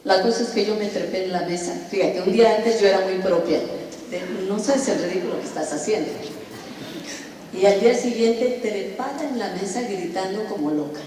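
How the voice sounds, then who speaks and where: A woman tells a personal story on stage, animated and poking fun at herself. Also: mid-range voice, fairly quick, a little hiss or hum. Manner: animated, self-mocking storytelling. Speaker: speaker at a business event. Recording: echoey hall, distant mic.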